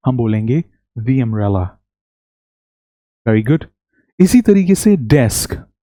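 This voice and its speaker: A man teaching English pronunciation in Hindi, leading slow repeat-after-me drills and praising often. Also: medium pitch, warm tone, dry recording, studio quality. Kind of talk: spoken English lesson in Hindi.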